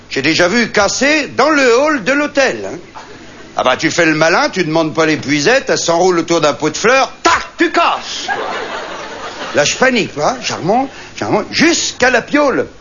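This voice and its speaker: A high-pitched man, working as a stand-up comedian, performs a live comic monologue as a boastful, chatty, colloquial storyteller who brags about hunting and fishing. The audience is loud, the live recording dull, and laughter rises in the background.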